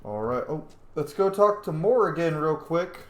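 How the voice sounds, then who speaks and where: In an echoey room, a man hosting a roleplay playthrough for his gaming channel chats informally and answers back to the characters. His voice sits on the high side, with lively intonation at a normal speed.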